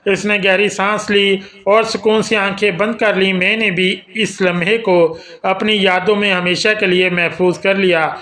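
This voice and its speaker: A man telling a romantic audio novel in the first person, in steady, scripted storytelling. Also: sits high, few pauses. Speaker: narrator.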